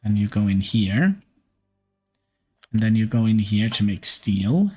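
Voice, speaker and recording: With a lowish, slightly rough and a little mellow voice that swings widely in pitch, a man from Norway comments live on his gameplay as a streamer. Norwegian is his first language; he thinks out loud, halting and using fillers, while soft music plays behind.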